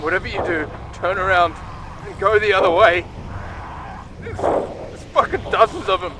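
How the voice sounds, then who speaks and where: A man's voice: sits high, completely flat delivery, slow pace, noisy background. An actor playing a desperate stranded survivor, gasping and urgent as he records a log in a panic. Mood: frantic, gasping.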